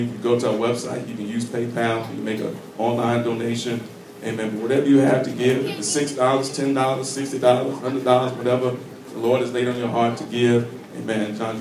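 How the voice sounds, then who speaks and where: A man preaches from the pulpit in a fervent, repetitive way, punctuating every phrase with amens and thanks to Jesus. The sound is roomy and distant, picked up from the back of a church sanctuary with steady background noise. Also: mid-range voice. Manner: fervent, repeats "amen" and "thank you, Jesus". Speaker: pastor. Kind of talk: church announcements and offering prayer. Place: church sanctuary, large indoor room. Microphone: handheld mic at pulpit, recorded by far tablet. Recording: echoey church sound from far off.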